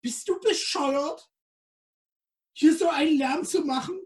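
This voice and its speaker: A man voicing a tiny, cheeky female Christmas fairy who squeaks and bosses people around. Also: slow, darkish tone, far from the mic. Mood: scolding. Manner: bossy, mocking, squeaky.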